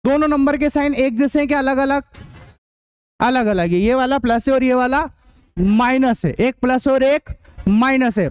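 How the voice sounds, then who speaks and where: A man teaching a math class, drilling rules and quizzing students with quick questions, sometimes blunt and scolding. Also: very high-pitched, clear, resonant tone, dry recording. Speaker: math tutor. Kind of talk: online class lecture.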